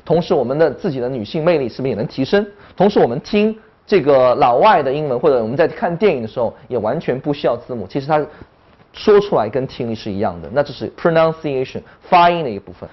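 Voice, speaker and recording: Lively woman teaching an online English class. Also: very deep voice, fast, dull audio. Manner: animated, demonstrating tones by voice.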